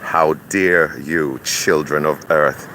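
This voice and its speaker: A man delivering a threatening curse monologue, speaking slowly and breaking into chanted incantations. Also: very deep voice, fairly even intonation, noisy background. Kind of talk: menacing spoken curse monologue.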